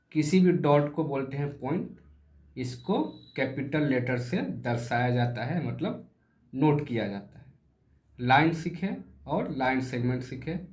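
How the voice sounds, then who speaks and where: A man teaching a primary school maths lesson, slowly repeating points and asking questions he answers himself. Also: medium pitch. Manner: slow, repetitive, asks and answers his own questions. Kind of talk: classroom video lesson. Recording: echoey room.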